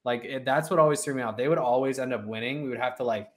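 A man in his mid twenties in casual podcast chat, halting and full of "like.". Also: medium pitch. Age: 20s.

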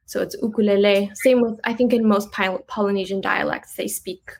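A young woman talking casually about her music in an interview, chatty and quick to laugh, with lots of "like" in her speech. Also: medium pitch, steady tone, creaky, husky, low-quality recording. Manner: chatty, uses "like" a lot, laughs easily. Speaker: guest musician.

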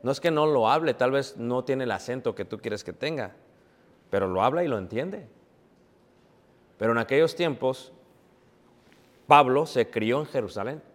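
Male preacher, middle-of-the-road pitch, reverberant church sound, rhetorical questions, addresses listeners as brothers. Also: animated, moderate pace, long pauses. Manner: asks the congregation rhetorical questions and answers them; keeps calling his listeners brothers. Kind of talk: sermon.

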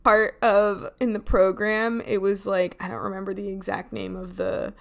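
A woman's voice: mid-range voice, expressive, normal speed, creaky. A woman co-hosting a podcast, telling rambling stories in casual chat and giggling often. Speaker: podcast co-host.

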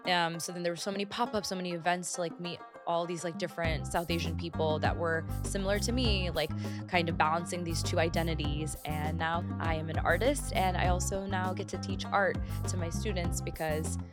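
A woman's voice: on the low side, steady tone, a little fast, loud music behind the voice. A woman from Northwest Indiana, a guest on a podcast, talking casually with lots of "like" and giggles. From Northwest Indiana, United States. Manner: casual, frequent "like" fillers, giggly. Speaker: guest, artist and art teacher. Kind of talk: conversational podcast interview.

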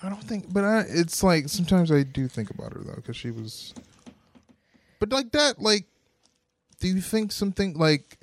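A man co-hosting a casual dating podcast, talking in halting, self-conscious bursts full of restarts. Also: sits high, big pitch swings, slight background noise. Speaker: podcast co-host. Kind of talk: casual chat.

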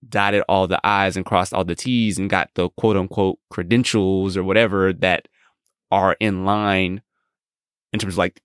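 A man co-hosting a podcast, explaining things in a reflective, measured way in casual chat. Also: low-pitched, fairly bright tone, clear, resonant tone, no echo, clean studio sound.

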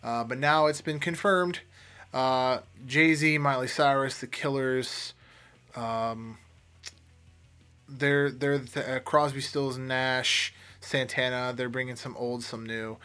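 A man's voice: medium pitch, fairly even intonation, slow pace, pushed and bright, clear, resonant tone. A man, hosting a casual solo podcast and rambling with lots of swearing, fillers and restarts. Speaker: podcast host.

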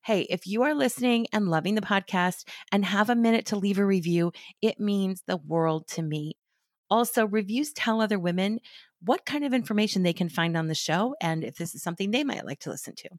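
A middle-aged woman, a stylist, hosts a style podcast with scripted talk, speaking in a mid-range voice at a slightly fast pace. She sounds friendly and chatty, her voice a little scratchy from a recent cold, and the studio sound is clean with no echo.

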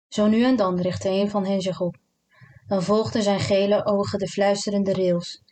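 Woman narrator, literary audiobook, calm and measured, mid-pitched.

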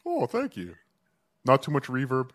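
A man calling in as a guest, his voice run through heavy board reverb like a vintage echo chamber, joking in a deadpan way. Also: mid-range voice, normal speed. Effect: heavy reverb from his own mixing board, a vintage echo chamber sound.

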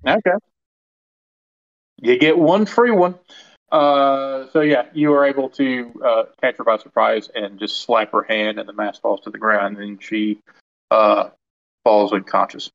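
Gravelly man running a tabletop game. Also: mid-range voice, steady tone, unhurried, a bit bright, highs cut off. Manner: rambling, many ums and restarts. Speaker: game master.

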